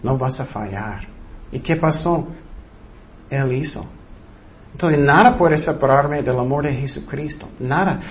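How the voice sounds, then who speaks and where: A man's voice: medium pitch, measured pace, long pauses, lo-fi sound, slight background noise. A man preaching a sermon who keeps putting questions to his listeners and repeats phrases for emphasis.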